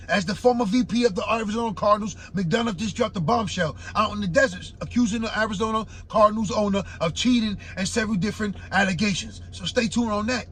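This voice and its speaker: Raspy-voiced man hosting sports talk. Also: sits high, a bit bright, slight background noise. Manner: laid-back, conversational, frequent fillers like "man" and "right". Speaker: sports talk show host. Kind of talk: casual sports commentary. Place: home in Florida.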